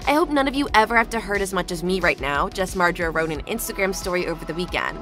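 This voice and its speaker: Female narrator for scripted entertainment news, forceful bright delivery, light music bed behind. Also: on the low side, fast talker.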